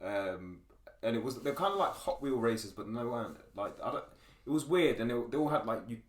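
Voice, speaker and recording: A young man co-hosting a podcast, telling gaming stories in casual chat, lively, laughing and swearing freely. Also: mid-range voice, a little fast. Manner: animated, laughing storyteller who swears freely. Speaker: podcast co-host. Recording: roomy echo.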